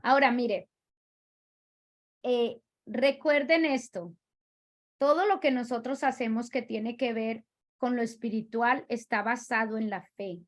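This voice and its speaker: Slow high-voiced woman teaching. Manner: repeats herself, slow and deliberate, explaining step by step. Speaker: religious teacher. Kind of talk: spiritual teaching lesson.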